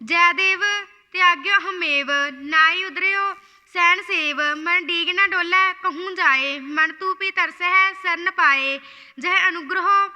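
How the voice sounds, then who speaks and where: A woman reciting scripture line by line in a slow, measured chant, repeating phrases after correction. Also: extremely high pitch, pushed and bright, big-room sound.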